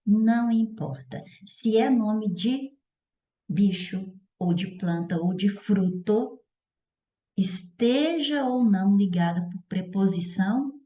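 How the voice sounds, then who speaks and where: A woman's voice: mid-range voice, slow pace, dark tone. A woman teacher giving a recorded grammar lesson, explaining step by step and often checking in with the listener. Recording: echoey room, slightly dull sound.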